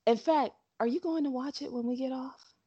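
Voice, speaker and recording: A woman co-hosting a casual chat podcast over a call, animated and quick with asides, laughing often. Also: sits high, slightly rough, highs cut off. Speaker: podcast co-host.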